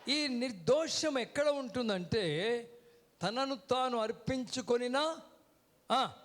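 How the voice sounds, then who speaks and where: The guest preacher here has an extremely high voice with a fairly bright tone, and he takes his time. Standing on a church stage, he leads a call-and-response sermon, greeting the crowd with "hello" over and over and prompting them to say words back.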